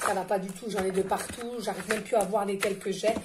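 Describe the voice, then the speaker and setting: A woman giving a casual tarot card reading in a loud, carrying voice, chatty, laughing often and filling pauses with hesitations. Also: mid-range voice, fairly even intonation, background noise. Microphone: no microphone, picked up by the device directly.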